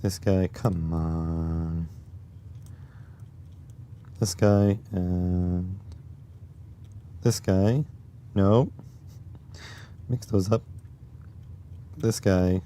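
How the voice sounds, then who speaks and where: A man with a raspy voice live-streaming while testing circuit boards, muttering to himself as he works and reading chat aloud. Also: low-pitched, mellow, slight background noise. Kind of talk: casual live-stream electronics tinkering.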